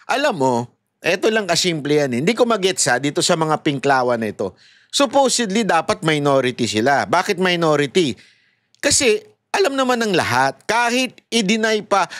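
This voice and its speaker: A man delivering mocking, fired-up political commentary, his high voice swinging widely up and down. The sound is close and dry, with no room around it. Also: a bit bright, no room sound. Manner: mocking, heated and sarcastic, addressing viewers directly. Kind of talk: casual political commentary to viewers.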